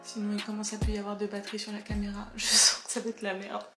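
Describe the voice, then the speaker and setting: A woman's voice: medium pitch, completely flat delivery, fast. Chatty woman vlogging in an echoey room. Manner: chatty, laughs often, self-mocking. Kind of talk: casual vlog chat to camera. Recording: echoey room with music playing.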